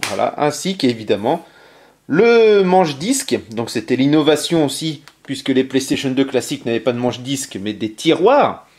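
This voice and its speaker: A man giving a casual show-and-tell presentation of a game console he collected. He talks hesitantly, with many fillers, pauses and self-corrections. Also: mid-range voice, expressive, a little mellow.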